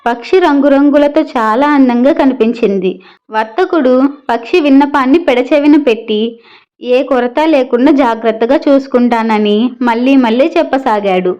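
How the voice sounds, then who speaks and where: A woman narrating a children's moral story in a steady, clear storytelling manner. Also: high-pitched, normal speed, muffled recording.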